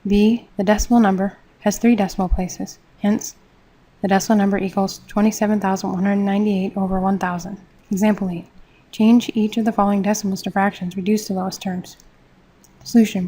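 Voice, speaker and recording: A woman teaching a math lesson, reading textbook steps in a steady, measured way. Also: mid-range voice, low-quality recording. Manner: steady, measured, step-by-step explanation.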